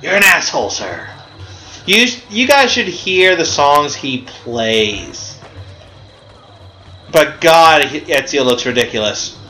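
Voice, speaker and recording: A man giving casual let's-play commentary, excitable, swearing and laughing often. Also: on the high side, takes it slowly, long pauses, roomy sound, faint music behind. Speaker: gameplay commentator.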